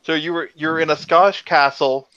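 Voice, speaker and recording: A man narrating as game master of a tabletop game, talking in a relaxed, halting way. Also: fairly high pitch, clean tone, dry recording, lo-fi sound.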